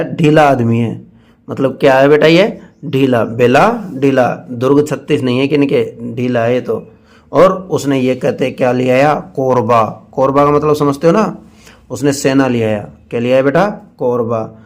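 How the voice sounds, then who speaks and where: A male teacher, giving a mnemonic lesson and asking students questions, then slowly drawing out the answers himself. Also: medium pitch. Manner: call-and-response questioning, drawn-out repeated answers.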